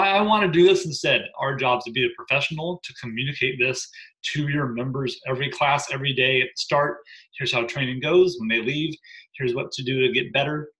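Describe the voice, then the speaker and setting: This man in his thirties, a programming coach for gyms, speaks to gym owners through his laptop webcam in a living room, with a mid-range voice. He's emphatic and lively, frequently adding "right?" The audio is poor.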